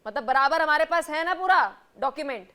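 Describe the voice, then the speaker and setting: A woman anchoring a heated TV news debate, forceful and rapid-fire, cutting in on her guests. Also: high voice, animated.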